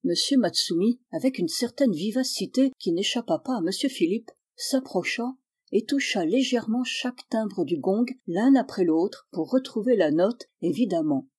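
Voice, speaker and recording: A woman calmly narrating a novel in a measured storytelling voice. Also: mid-range voice, slightly rough. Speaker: audiobook reader.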